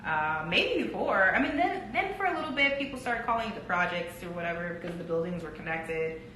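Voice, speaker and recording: A chatty woman from New with a bright, crisp voice. She laughs easily as she chats. The room is echoey, with a faint hiss behind her. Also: fairly low pitch, big pitch swings, brisk. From New York. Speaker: podcast co-host. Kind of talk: casual chat.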